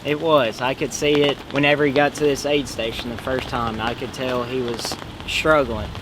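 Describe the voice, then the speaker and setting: A man on a race crew speaking quietly and in a measured way in a documentary interview, recorded outdoors. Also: mid-range voice, little pitch movement, background noise.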